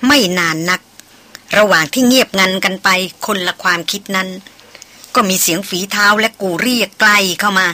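A woman narrating a novel aloud with an expressive storytelling delivery. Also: mid-range voice. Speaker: audiobook narrator.

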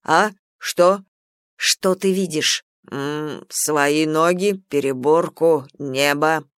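A reader voicing a drowsy, gruff male soldier who mumbles slowly. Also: dry recording, clean studio sound, natural voice. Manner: slow, low and mumbling.

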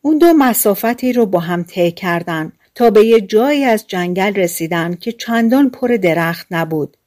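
A woman's voice: medium pitch, expressive. Woman narrating a fairy tale. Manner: gentle, measured storytelling, colloquial retelling of a fairy tale. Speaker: audiobook narrator. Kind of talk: storybook narration.

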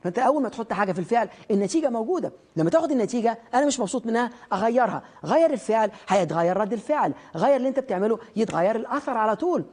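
A man with an Egyptian Arabic accent delivers a motivational lecture at a rapid clip. His voice is somewhat husky, and he speaks straight to the listener with commands and questions. He drives each point home by repeating it. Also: very high-pitched, animated, a little mellow.

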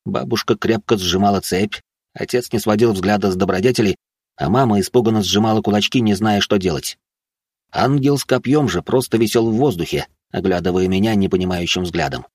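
A man's voice: on the low side, a little fast, breathy edge, no echo, studio quality. A man narrating a first-person audiobook in terse, heated storytelling.

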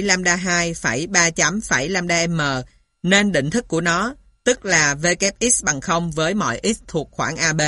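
Woman, very slow pace, methodical lecturer, scripted read-aloud narration, dry close sound. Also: fairly low pitch, a bit bright, dry recording. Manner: methodical, spells out symbols and punctuation. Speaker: lecturer reading a maths textbook aloud.

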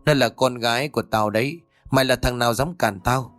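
A man's voice: mid-range voice, a little fast, fairly bright tone, dry recording, faint music behind, natural voice. A man playing a cruel old village tyrant, snarling. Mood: contemptuous. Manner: snarling, barking orders.

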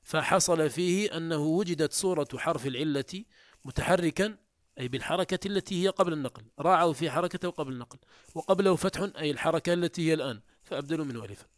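A man's voice: on the high side, fast, no room sound, studio quality. A male teacher giving a recorded grammar lesson, explaining step by step and often repeating or restarting words.

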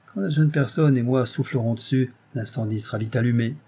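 Man putting on a gloating schemer, snickering, husky, dark tone. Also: medium pitch, brisk. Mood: scheming. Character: scheming gleeful middle-aged male lawyer, sneering.

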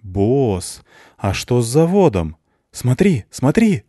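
A man's voice: mid-range voice, very animated, slow pace, dark tone, dry recording, clean studio sound, pitched above the performer's own voice. A man reading an audiobook, voicing an eager young female sidekick who asks her boss questions.

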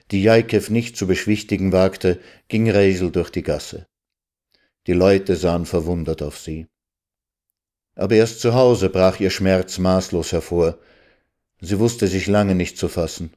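A man reading a literary story aloud in a measured, calm way. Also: low voice. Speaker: narrator.

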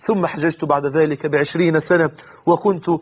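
A man with an Egyptian Arabic accent delivers a sermon in a high, husky voice. He talks quickly and with feeling, swears oaths and climbs into pleading cries. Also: steady tone. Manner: emotional, swears oaths, rises to high impassioned pleas. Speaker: preacher.

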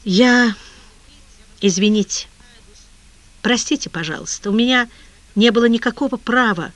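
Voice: mid-range voice, unhurried, a bit bright, dry recording, natural voice. An audiobook reader voicing a shaken young female reporter who trembles on the edge of hysterics. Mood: subdued. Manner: trembling, fragile, close to hysterics. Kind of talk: audiobook character reading.

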